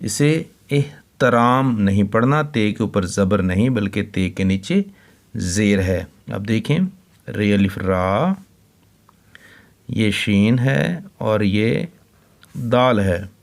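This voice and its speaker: With a darkish, lowish voice touched by vocal fry, an Urdu teacher animatedly guides children through reading. He goes very slowly and deliberately, spelling each word out letter by letter and saying it twice.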